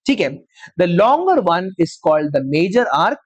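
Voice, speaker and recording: A man teaching a maths class, dictating slowly word by word and often checking whether the students follow. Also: sits high, big pitch swings, no echo, poor audio. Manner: slow dictation word by word, checks with frequent questions. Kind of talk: live class lecture.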